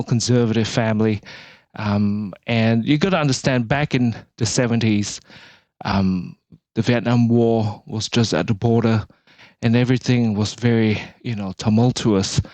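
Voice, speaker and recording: A man's voice: mid-range voice, steady tone, normal speed, darkish tone, no room sound. A man, a guest speaking in an earnest, reflective way with frequent restarts. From Malaysia. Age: 40s. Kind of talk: casual interview talk.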